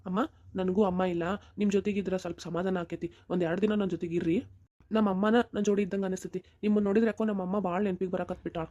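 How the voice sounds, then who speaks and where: A woman voicing a gentle young man who lost his mother, in a cartoon, speaking softly with a North Karnataka accent. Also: mid-range voice, flat delivery, fast talker, natural voice. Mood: pleading. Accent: North Karnataka Kannada. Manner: soft, pleading. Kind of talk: cartoon voice acting. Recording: dull lo-fi sound.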